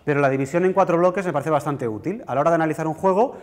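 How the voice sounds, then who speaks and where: A man lecturing in a lecture hall, with a fairly high voice and a long reverb tail behind it. He talks in a conversational, self-deprecating way and keeps asking the audience if things are clear. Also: rapid-fire. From Spain. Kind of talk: university lecture.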